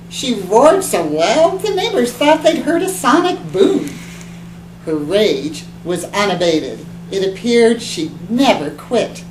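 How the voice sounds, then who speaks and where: A woman from the library staff reading children's poems aloud in a clear, expressive storytelling manner. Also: fairly high pitch. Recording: echoey room with background hum.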